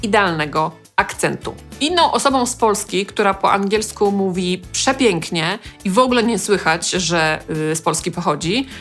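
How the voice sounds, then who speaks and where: A woman from Poland hosting an English-language lesson, explaining clearly and calmly with touches of humor. Faint music sits under her voice. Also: mid-range voice, normal speed, hardly any pauses. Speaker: language teacher host. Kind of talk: educational vlog.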